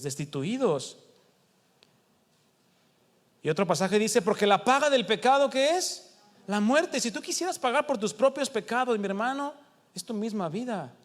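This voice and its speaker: A Mexican man preaching in a house of prayer, his voice sitting high for a man. He talks conversationally, asks the congregation rhetorical questions and acts out the quotes he reads. The sound rings with the long reverb of the hall. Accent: Mexican Spanish. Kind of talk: sermon.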